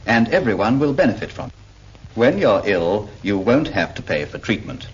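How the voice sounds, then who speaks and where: Patient and explanatory, a British man delivers scripted narration for a 1940s public information cartoon, addressing one of its characters. His lowish voice is sing-song and slightly rough, at normal speed. It's recorded as a dull 1940s film soundtrack with music.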